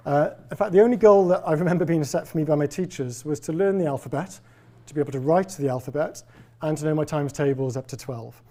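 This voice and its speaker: Here's a forties-aged lecturer from Wales addressing a live audience at a public lecture in a lecture hall. His voice is slightly high, warm, and fast, carrying a faint Welsh accent. Relaxed and conversational, he comes across as wry and self-deprecating.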